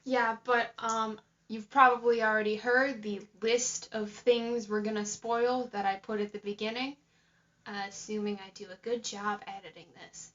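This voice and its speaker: A woman's voice: fairly high pitch, little pitch movement, moderate pace, fairly bright tone. A young woman co-hosting a casual podcast, rambling and jokey with a curious manner. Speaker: podcast co-host. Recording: dull lo-fi home recording.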